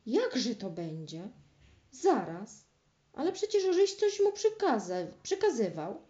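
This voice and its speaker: Fairy-tale boy, eager and worried, read by a woman, pitch climbing when he calls out. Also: very animated, takes it slowly, mellow. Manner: anxious questioning, urgent calls. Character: young peasant boy, eager and anxious. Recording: roomy, dull lo-fi recording.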